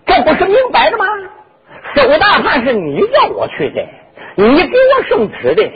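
A man's voice: extremely high pitch, wildly swooping pitch, normal speed, full character voice. A man voicing a young courtier crying injustice. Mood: indignant. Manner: pleading, protesting. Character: young male courtier pleading his innocence. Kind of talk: traditional storytelling performance. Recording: dull lo-fi recording with instrument music.

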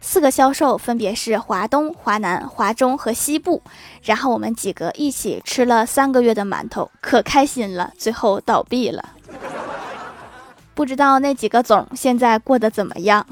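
A woman's voice: a little high, lively intonation, normal speed, no room sound. A woman reading out a string of funny anecdotes, adding dry quips and chuckles after the punchlines.

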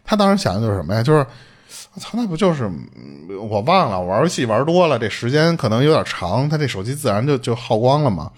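A man tells a listener's creepy story at a quick clip. His voice swings widely up and down as he acts out the quoted lines. The tone is a little husky. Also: medium pitch. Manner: animated, swearing, acts out quoted speech. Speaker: podcast host retelling a listener's story. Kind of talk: casual storytelling chat.

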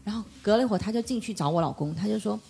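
A woman in her thirties chats quickly on a podcast, telling family stories and acting out the voices of the people she quotes. Her pitch sits in an ordinary middle range, and faint background noise runs under the recording. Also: creaky. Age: 30s. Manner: animated storyteller acting out quoted dialogue. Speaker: podcast guest. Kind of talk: casual chat.

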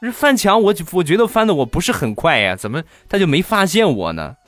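Man, comic storytelling, very lively pitch, dry close sound, faint music behind. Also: a little fast, dry recording. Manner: playful, animated, teasing. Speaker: comedian storyteller.

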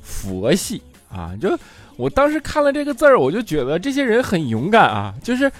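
A man's voice: high voice, wildly swooping pitch, normal speed. A man doing a stand-up comedy monologue, telling chatty stories and often checking in with the audience. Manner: chatty storytelling, keeps asking the audience "right?". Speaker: comedian host.

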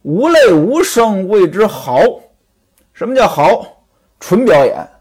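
Lively man telling a story. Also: sits high, slow, breathy edge. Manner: chatty, asides to the audience. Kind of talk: traditional storytelling with commentary.

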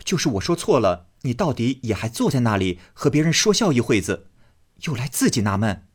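A man's voice: medium pitch, big pitch swings, brisk, slightly rough, voice pushed up. A man voicing a coaxing, teasing young nobleman in a storybook reading, pleading and placating.

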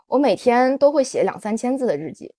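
A woman's voice: on the high side, a little fast, dry recording, studio quality. A woman podcast host sharing a personal story on a livestream, candid and full of fillers. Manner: animated, confessional, many fillers.

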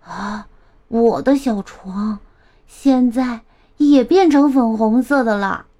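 Storybook little boy, jealous and pouting, whiny and high, as a woman reading puts him on. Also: slow, warm tone. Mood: sulky. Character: little boy, jealous of new baby sister.

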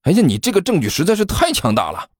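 A man's voice: sits high, huge pitch swings, quick pace, no echo, clean studio sound, pitched above the performer's own voice, exaggerated voice. A man voicing a chubby, cheeky schoolboy who talks in a glib, mock-innocent singsong. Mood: teasing.

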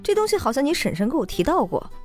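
A woman's voice: high voice, very animated, fast talker, darkish tone, faint music behind. A woman voicing an anxious, puzzled female companion in an audiobook, speaking hesitantly. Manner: questioning, hesitant.

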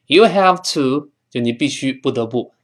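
A man whose first language is Mandarin, teaching English pronunciation, drawing out sounds slowly and repeating them for students to copy. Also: mid-range voice, animated. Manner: slow drawn-out demonstrations of English sounds; fillers and restarts when explaining.

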